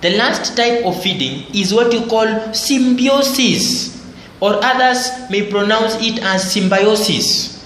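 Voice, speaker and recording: A man's voice: high voice, normal speed, few pauses, fairly bright tone. A man with a slightly raised voice lectures on biology and goes over each point twice. His voice rings in a very echoey room. A faint hiss runs behind him. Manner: repetitive explanatory teaching, phrases restated for emphasis. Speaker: teacher.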